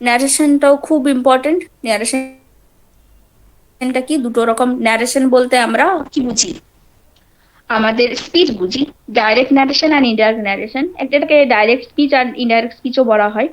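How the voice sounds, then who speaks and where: Woman, Bengali accent, high voice, online class lecture, explanatory teacher. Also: moderate pace, a little hiss or hum. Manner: explanatory, scolding students now and then, fillers and restarts. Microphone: laptop or phone mic on a video call.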